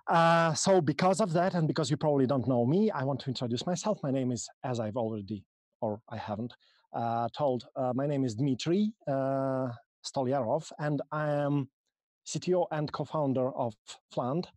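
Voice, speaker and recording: Speaking from a small room on a video call, a man from Russia delivers a technical conference talk in accented second-language English, halting and riddled with ums and restarts. His voice is medium-pitched and darkish, recorded dry.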